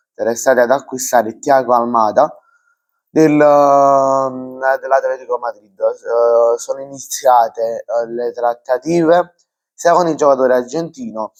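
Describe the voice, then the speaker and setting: A man's voice: mid-range voice, a little mellow, rough recording. A young man giving an unscripted football transfer news rundown for his channel, full of fillers and restarts. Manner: hesitant, many fillers and restarts.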